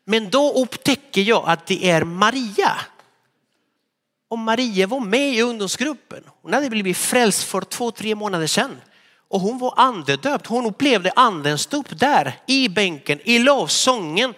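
A high, bright male voice delivering a sermon. He preaches in an animated storytelling way, sometimes acting out the people in his stories. A long church reverb trails behind his words. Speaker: pastor.

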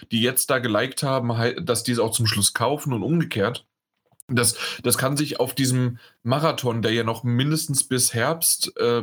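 A man's voice: mid-range voice, fairly bright tone. A man co-hosting a casual podcast chat, rambling with many fillers and restarts. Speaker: podcast co-host.

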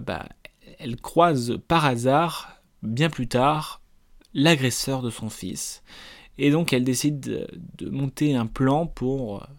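A man, reviewing films in a casual, rambling way with many fillers and restarts. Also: mid-range voice. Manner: rambling, hesitant, with many fillers and self-corrections. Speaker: film reviewer.

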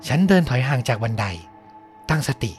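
A man telling a horror story on a podcast in a measured voice that sinks low and hushed at the tense parts. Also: expressive, soft background music. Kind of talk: scripted horror narration.

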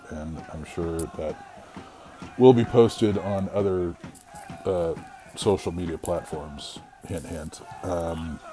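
A man giving a casual, earnest spoken message as a sports supporter, hesitant and measured with many pauses. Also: sits low. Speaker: football supporter and commentator.

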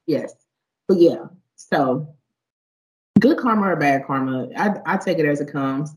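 A young woman in casual chat, slangy and animated, laughing often. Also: deep voice, unhurried, poor audio.

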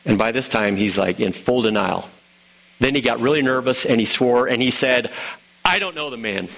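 A man's voice: medium pitch, fairly even intonation, moderate pace, creaky, fairly bright tone, low-quality recording. A middle-aged man giving a sermon, retelling a scripture story in a conversational way, with many fillers and restarts. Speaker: pastor.

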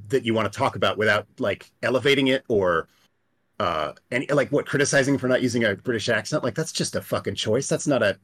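A man's voice: mid-range voice, fairly bright tone, slightly rough. A man on a podcast panel, ranting bluntly and swearing in casual chat.

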